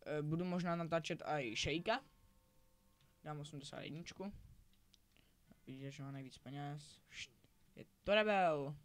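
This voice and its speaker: A man's voice: a little high, darkish tone, slight background noise. A teenage boy rambling casually while commenting on his own gameplay, often correcting himself. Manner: rambling, self-correcting, chatty. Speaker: gaming YouTuber.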